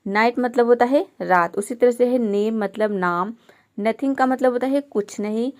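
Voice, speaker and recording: Speaking at a normal speed in a fairly high voice, a woman leads a step-by-step English pronunciation lesson. She takes her time over each letter and keeps asking her students rhetorical questions.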